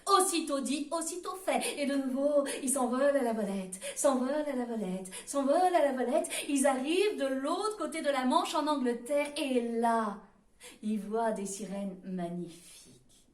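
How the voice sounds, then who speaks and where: A woman's voice: high-pitched, normal speed, recorded from a distance. Playful woman telling a children's tale. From France. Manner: lively, playful, with sung refrains and sound effects. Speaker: storyteller. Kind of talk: storytelling for children. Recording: roomy sound from away from the mic.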